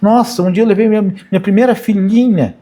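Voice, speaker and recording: A man's voice: high-pitched, steady tone, a little fast, dark tone. A middle-aged man giving an informal spiritual talk, telling anecdotes and tagging sentences with "né?". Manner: chatty, anecdotal, frequent "né?" tags. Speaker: spiritist speaker.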